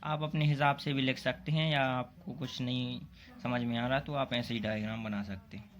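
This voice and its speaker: A man's voice: medium pitch, fairly even intonation, moderate pace, fairly bright tone, slight background noise. A man going through exam questions one by one, explaining the answers in plain, casual talk and speaking directly to students. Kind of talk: casual exam-prep lesson.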